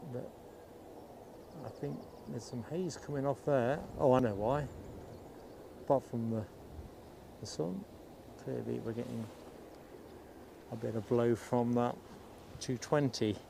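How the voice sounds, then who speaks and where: A man's voice: medium pitch, measured pace, long pauses. A man hosting a live stream outdoors near an airport, chatting casually and reading out viewer comments. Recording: outdoor stream with clear background noise. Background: outdoor ambience and passing vehicles.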